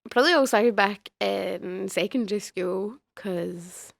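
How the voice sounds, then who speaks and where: A woman's voice: mid-range voice, a little slow, creaky, no room sound, clean studio sound. A young woman, a guest playwright, answering interview questions in a modest, hesitant way.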